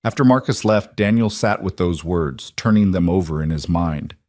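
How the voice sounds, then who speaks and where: Guy reading a story, calm and measured, low voice, dry close sound. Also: no echo. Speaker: narrator. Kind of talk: scripted narration.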